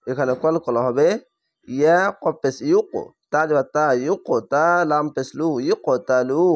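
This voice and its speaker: A man teaching Quran reading, patiently spelling out each word letter by letter and slowly stretching the recited syllables. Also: on the high side. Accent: Bangladeshi Bengali. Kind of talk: step-by-step spelling lesson.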